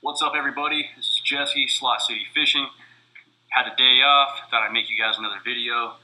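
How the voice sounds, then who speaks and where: Heavily compressed, bright fast-talking man. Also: medium pitch, steady tone, rough recording. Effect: heavily compressed voice, played back after editing. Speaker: fishing vlogger. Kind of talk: quick vlog intro greeting.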